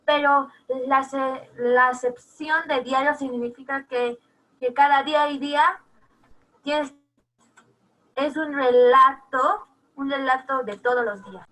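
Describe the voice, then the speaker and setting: Bright high female pupil, hesitant. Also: steady tone, slow pace, poor audio. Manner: hesitant, searches for words. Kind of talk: answering in an online class.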